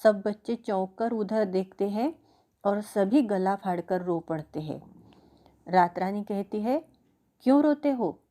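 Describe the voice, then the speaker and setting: A woman teacher reading a story aloud to a class, slowly and patiently, briefly voicing each character. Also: medium pitch, fairly even intonation, dark tone.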